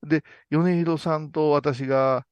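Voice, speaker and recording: A man's voice: fairly high pitch, slow pace, dry recording, highs cut off. A man with a Kansai accent, a Buddhist monk co-hosting a comedic chat show, telling stories and acting out the voices in them. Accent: Kansai Japanese. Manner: animated storytelling, acting out voices in anecdotes.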